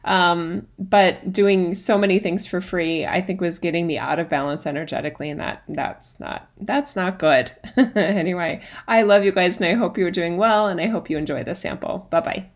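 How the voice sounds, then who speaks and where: Creaky, low-voiced woman guiding listeners gently. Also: moderate pace. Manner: soothing, gently instructing, breaks into small asides. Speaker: spiritual guide and podcast host. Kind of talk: guided meditation and informal talk to listeners.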